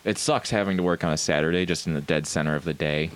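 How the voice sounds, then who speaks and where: A man co-hosting a casual podcast, relaxed and agreeable. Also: a bass voice, fast talker, smooth. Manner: relaxed, agreeable, lots of yeahs. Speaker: podcast co-host. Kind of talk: casual chat.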